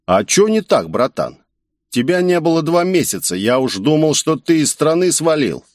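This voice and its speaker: Guy putting on a jumpy slangy young dude, higher and louder than the narrator, dry sound. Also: normal speed, no echo. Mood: excited. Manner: excited, rambling street slang. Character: excitable young man, slangy wannabe gangster.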